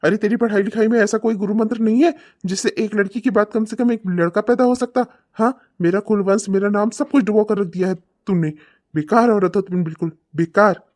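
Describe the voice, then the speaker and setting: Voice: mid-range voice, a little fast, close to an everyday voice. A voice actor playing an abusive, short-tempered husband and father in a cartoon, hurling insults and threats. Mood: resentful. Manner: shouting insults, snarling and threatening. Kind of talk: cartoon comedy voice acting.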